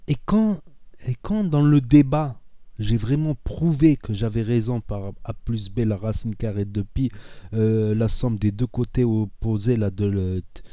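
A man with a southern French accent from Narbonne speaks in a very dark, deep-toned voice, rambling earnestly through a casual monologue as a content creator. He repeats phrases for emphasis and gets heated. The sound is dry and close, with no room echo. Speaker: social media content creator.

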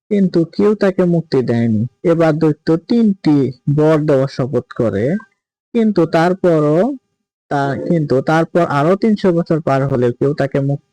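A man teaching a primary school lesson, reading questions and answers aloud and slowly repeating words to show their pronunciation. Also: fairly high pitch, mellow, no room sound, low-quality recording. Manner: slow, careful pronunciation drills, repeating words. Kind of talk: reading and explaining a textbook lesson.

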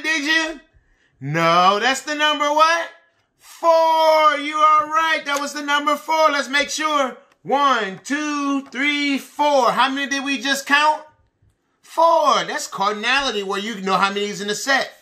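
A man with a very high-pitched, forceful bright voice gives a lesson for preschoolers. He talks to the little ones in simple, repeated phrases and questions, animated and full of encouragement. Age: middle-aged. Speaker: preschool and kindergarten teacher. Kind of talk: children's lesson addressed to young pupils. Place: small indoor room with bookshelves.

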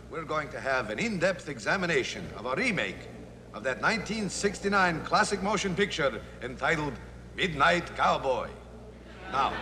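A man playing a corny, excitable male TV show host who chuckles through his announcer patter in a sketch comedy. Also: fairly high pitch, in a large hall, noisy background. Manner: announcer patter, gleeful and hammy, chuckling at his own lines.

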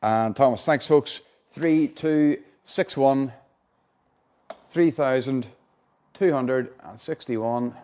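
Speaking slowly in a mellow, medium-pitched voice, a roughly forty-year-old man presents a live competition draw. His chatty, colloquial hosting takes place in an indoor showroom unit containing a car and a screen.

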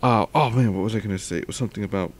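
Rapid-fire and on the low side, this young male audio vlogger talks casually at home into a close mic fitted with a pop filter. His talk meanders, with many fillers and thoughts left trailing.

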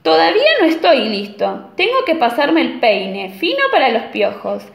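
A woman's voice: sits high, sing-song, normal speed, creaky, full character voice. A woman voicing a vain, fussy male wolf from a children's story, showy and pleased with himself, recorded in an echoey room. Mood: self-satisfied.

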